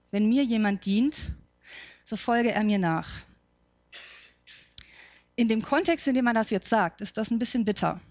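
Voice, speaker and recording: A woman with a slightly high voice preaches a thoughtful sermon. She raises questions and then works through the answers herself. The sound is dry and close. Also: a little mellow, dry recording. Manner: reflective, asks questions and answers them.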